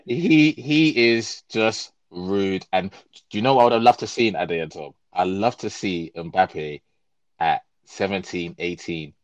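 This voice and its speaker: A man talking football with friends on a casual podcast, excitable and jokey, acting out quotes loudly. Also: deep voice, measured pace, dry recording. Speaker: podcast co-host.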